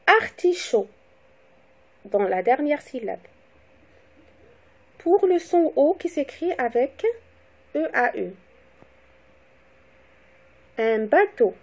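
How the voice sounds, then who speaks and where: Slow, deliberate woman teaching phonics. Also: sits high, big pitch swings, a little mellow. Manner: slow, deliberate, spelling out letters and syllables. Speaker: primary school teacher. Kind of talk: recorded remote phonics lesson for young children.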